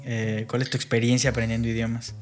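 Bilingual male podcast co-host, Mexican accent, mid-range voice, conversational, clear music bed. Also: medium pitch, monotone, quick pace. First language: bilingual English and Spanish. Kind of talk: casual podcast chat.

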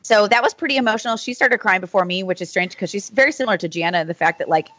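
A woman's voice: medium pitch, racing, a bit bright, dry recording. A woman guest on a podcast, chatting casually about running and laughing often, with many "like" fillers. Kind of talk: casual chat.

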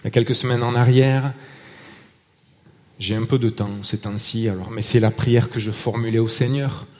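A man preaching a sermon in a relaxed, conversational way. He tells stories, hesitates and restarts, and speaks French with a foreign accent. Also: medium pitch, moderate pace, long reverb tail.

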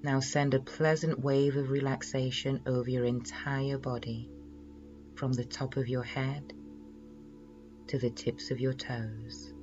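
A man leading a guided relaxation in a slow, soothing hypnotist's manner, measured and full of pauses. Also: medium pitch, dull audio.

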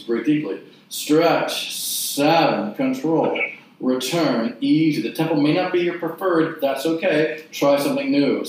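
Guy teaching a workout class, short cues n steady counting, kinda far from the mic, super echoey. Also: medium pitch. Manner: short clipped cues in a measured counting rhythm. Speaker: exercise class instructor. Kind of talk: guided mat exercise instruction with counted repetitions. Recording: very echoey room, distant mic.

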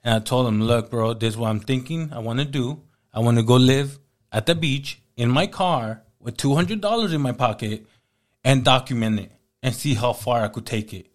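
A man's voice: mid-range voice, moderate pace. A man in his thirties telling his life story as an interview guest, casually and with lots of acted-out dialogue. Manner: animated, acts out quoted dialogue.

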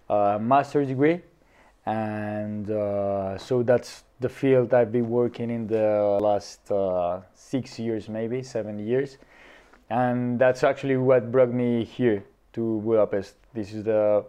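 A man of thirty from Colombia, a guest in a casual interview, talking with many pauses and fillers. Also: mid-range voice, dark tone, clean tone, lo-fi sound. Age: 30s.

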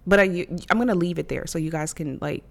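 A woman's voice: on the low side, fast, vocal fry. A young woman hosting her own podcast from her living room, talking casually and candidly into a handheld mic, cursing freely and laughing often. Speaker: podcast host. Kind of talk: casual solo podcast talk.

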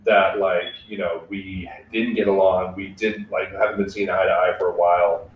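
A man's voice: sits low, level tone, moderate pace, far from the mic, phone-quality sound. Young guy rambling on a home podcast, swears a lot, sits back from the mic, faint hiss. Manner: candid, reflective, swears freely, many fillers. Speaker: podcast host. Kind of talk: casual podcast chat. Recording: echoey room, away from mic.

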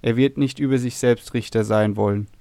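A man's voice: medium pitch, fairly even intonation, fairly quick, dark tone, dry recording, natural voice. A man reading a sorrowful young temple servant. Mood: earnest. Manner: earnest, sorrowful.

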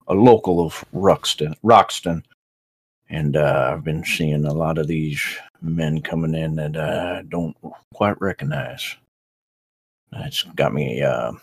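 Really deep gravelly guy, husky, feeling his way through rpg role-play. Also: no echo. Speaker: player introducing his character. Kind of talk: hesitant improvised role-play.

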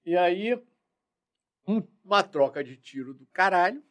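A man, a former police chief telling war stories in a slangy, profane, animated way. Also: high voice, unhurried. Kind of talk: casual storytelling interview.

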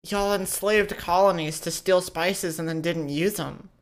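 A woman's voice: fairly low pitch, fairly even intonation, unhurried. A woman co-hosting a casual comedy chat, swearing freely and joking in loose rants. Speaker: co-host.

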